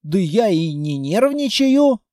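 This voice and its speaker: A man's voice: sits high, sing-song, slow pace, darkish tone, no room sound, clean studio sound, exaggerated voice. A man doing a whiny, grumbling fighter. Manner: complaining, mumbling.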